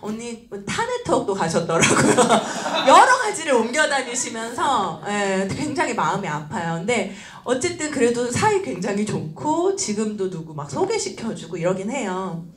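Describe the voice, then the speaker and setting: Woman lecturing like she's on stage, acts out every voice, laughs a lot, highish lively voice, roomy echo. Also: normal speed, few pauses. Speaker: speaker at a business seminar. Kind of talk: animated storytelling lecture. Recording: roomy echoey hall.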